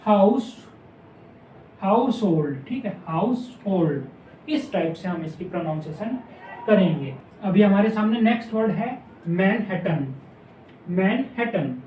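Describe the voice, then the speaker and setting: A man teaching shorthand, slowly repeating each word and asking his class questions. His voice is mellow and sounds a little distant in an echoey room, with a faint hum of ambience behind him. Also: sits high, expressive. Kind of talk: explaining step by step. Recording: echoey room, mic some way off.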